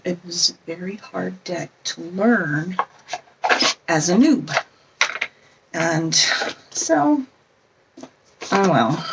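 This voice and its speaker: Slow, gravelly-voiced woman chatting casually. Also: on the low side, far from the mic, background noise. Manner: meandering, chatty, self-correcting. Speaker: tarot vlogger. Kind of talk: casual show-and-tell chat.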